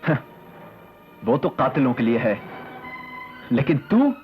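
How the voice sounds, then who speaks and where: An actor playing a stern, righteous police inspector in a 1980s Hindi film, with a forceful, declamatory delivery. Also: male voice, mid-range voice, sing-song, slow pace. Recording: dull old film soundtrack with music.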